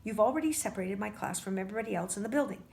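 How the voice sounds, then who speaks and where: A woman reading aloud as a gruff, stubborn male middle-school teacher who speaks sharply. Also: mid-range voice, expressive, very fast, darkish tone, slight background noise.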